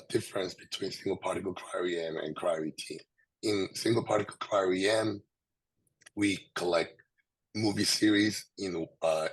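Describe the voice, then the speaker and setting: Hoarse, low-voiced man with a sore throat. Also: poor audio. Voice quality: hoarse, husky. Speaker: presenter, researcher. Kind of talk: scientific presentation.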